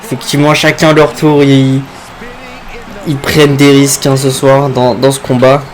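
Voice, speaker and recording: A man's voice: mid-range voice, monotone, normal speed. A man working as a wrestling commentator, calling the action play-by-play and exclaiming at big moves.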